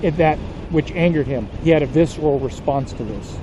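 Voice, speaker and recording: A man making a somber motorcycle vlog, talking slowly and haltingly and choking back emotion. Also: fairly high pitch, background noise. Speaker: motorcycle vlogger.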